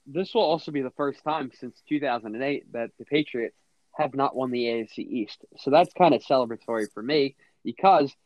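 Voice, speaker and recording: A man's voice: medium pitch, fairly quick, no echo. Male podcast host, blunt and opinionated, dry close sound, dull lo-fi audio. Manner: reads game previews, then blunt opinionated picks. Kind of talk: casual sports podcast chat.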